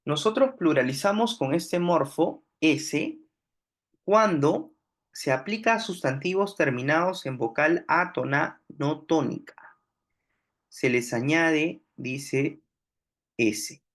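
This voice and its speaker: A male language teacher walks his students through a grammar lesson step by step, explaining slowly and deliberately and frequently checking in with "¿no?". His voice is a little high, expressive, and a bit bright.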